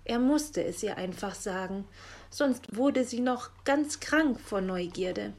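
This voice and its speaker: A woman narrating a children's story in a slow, unhurried way. Her voice sits in a middle register and reads calmly and expressively. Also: mid-range voice, background noise.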